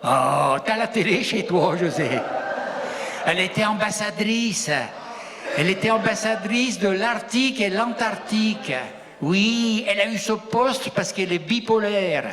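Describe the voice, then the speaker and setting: A man's voice: high voice, measured pace, crowd noise. A man with a rural French accent doing live stand-up comedy, teasing the audience with rustic banter. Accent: regional rural French. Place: live show hall. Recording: long reverb of a live hall.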